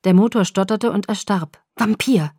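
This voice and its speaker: A woman reading an audiobook in steady first-person narration. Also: medium pitch, normal speed, no echo, clean studio sound.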